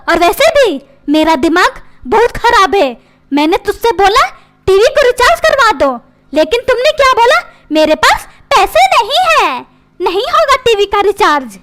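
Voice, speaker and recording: A nagging, melodramatic cartoon housewife, voiced by a woman complains in a very high voice that bounces around. She scolds and pleads, using comic dubbing. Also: noisy background.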